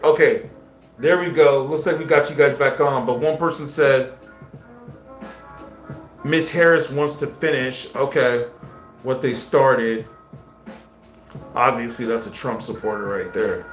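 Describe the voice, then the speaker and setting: A man live-streaming casual commentary, talking in slang straight to his viewers. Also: on the high side. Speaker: livestreamer. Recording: roomy echo with faint music.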